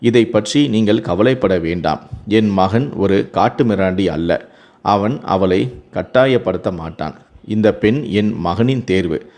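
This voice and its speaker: A man voicing a wealthy, domineering mother-in-law who lectures and warns a young bride, in a low reading voice. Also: takes it slowly, a little mellow. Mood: lecturing. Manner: commanding, lecturing.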